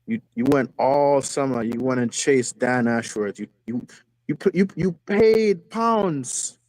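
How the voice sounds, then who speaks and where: His medium-pitched, darkish voice moves slowly with lively intonation as he calls into a football fan stream over a phone video call. The rant is casual and impassioned, full of repeated phrases for emphasis. There's no room sound, and the audio is poor.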